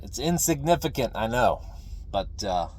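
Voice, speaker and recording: A middle-aged man talking casually and ramblingly to viewers, folksy and opinionated, halting and repeating phrases for emphasis. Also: medium pitch, sing-song, darkish tone. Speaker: video creator, veteran pipe smoker. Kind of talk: casual rambling talk to camera.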